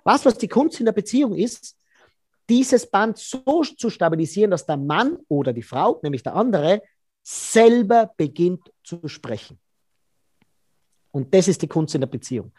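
A man, a body language expert being interviewed, who explains in a lively way and acts out quoted dialogue. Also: high-pitched, normal speed, no echo, clean studio sound.

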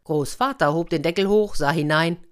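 A woman reading a fairy tale aloud for children, lively, with confiding asides to her young listeners. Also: sits low, moderate pace, smooth. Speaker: storyteller.

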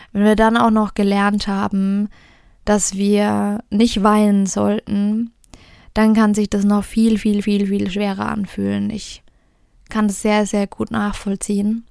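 Woman podcast host, calm soft near-whisper, kinda gravelly, reads a fairy tale then talks to you gently. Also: medium pitch, no echo, clean studio sound. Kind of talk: fairy tale reading and gentle direct address.

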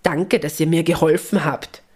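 A woman's voice: low-pitched, steady tone, normal speed, a little mellow, husky. A woman voicing a small male Christmas elf in a storybook, speaking contritely.

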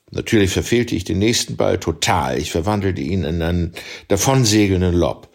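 A man reading a literary novel aloud as an audiobook, with measured, expressive storytelling. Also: low-pitched, creaky, breathy edge. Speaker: audiobook reader.

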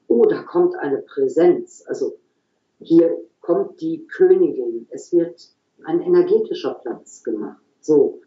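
A woman talking calmly and reflectively as an interview guest, explaining her work at an unhurried, thoughtful pace. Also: low voice, roomy sound, muffled recording. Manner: calm, explanatory, frequent "so" pauses. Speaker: guest, regression therapist.

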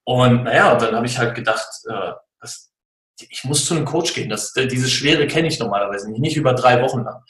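A man in his forties telling his own story in a casual interview, earnest and halting, with many fillers. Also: mid-range voice, fairly bright tone, reverberant, rough recording. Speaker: guest, personality and sports mentor.

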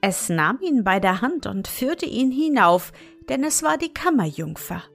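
A woman reading a fairy tale aloud in a calm, deliberate storytelling manner. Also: a little high, creaky, soft background music.

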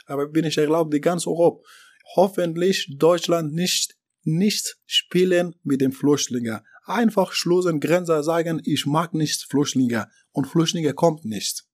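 Afghan guy in an interview, fairly high voice, stumbling broken german, lots of uhs. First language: not German. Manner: halting, broken German with many fillers and restarts. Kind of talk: interview about his deportation.

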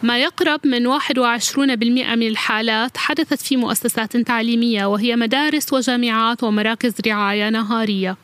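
A woman's voice: on the high side, steady tone, rapid-fire, few pauses, fairly bright tone. A woman reading a scripted translation as a voice-over narrator.

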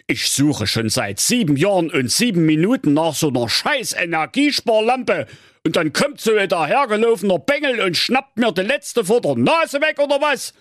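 A man's voice: high-pitched, a bit bright, no room sound, clean studio sound, voice pushed up, full character voice. A man voicing a grumpy, bossy evil wizard, bellowing and petulant.

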